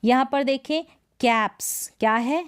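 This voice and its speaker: A woman teaching English pronunciation in Hindi, repeating each word slowly and asking herself questions as she explains the rules. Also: high voice, smooth.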